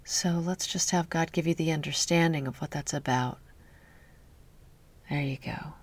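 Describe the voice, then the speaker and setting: A woman leading a guided healing meditation in a soft, slow voice that often drops to a whisper, speaking close to the mic. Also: sits low, breathy edge.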